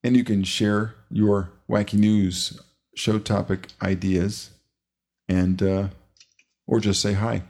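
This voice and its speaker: A man hosting a casual podcast, talking in a rambling, relaxed way with many fillers. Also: lowish voice, takes it slowly. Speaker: podcast host.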